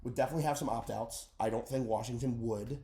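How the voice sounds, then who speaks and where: A man's voice: medium pitch, fairly even intonation, quick pace, dark tone. A young man hosting a casual sports podcast, rambling and hesitant with many fillers. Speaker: podcast host. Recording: roomy echo.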